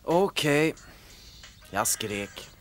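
Brief: actor voicing a dry, awkward radio guy with animated pitch. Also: faint music behind, lightly acted. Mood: wry. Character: new radio host in town, wry, mild. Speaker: radio host. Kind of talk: film drama acting.

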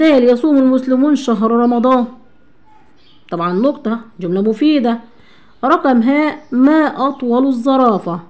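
A woman teacher with an Egyptian Arabic accent giving a children's grammar lesson, asking questions and answering them herself, slowing down to spell words out. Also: on the high side, darkish tone.

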